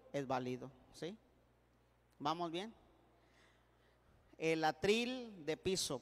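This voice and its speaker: A priest teaching a class in a playful manner, checking again and again that his students follow him. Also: fairly high pitch. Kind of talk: classroom lecture. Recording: echoey hall.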